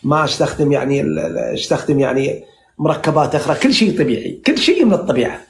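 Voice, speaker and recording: Fast-talking Najdi man in his sixties. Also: on the high side, creaky. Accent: Najdi Saudi Arabic. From central Saudi Arabia. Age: 60s. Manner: rambling and flattering, full of "yaani" fillers and restarts. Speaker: dream interpreter on a live stream. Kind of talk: casual live chat. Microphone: phone on a live stream.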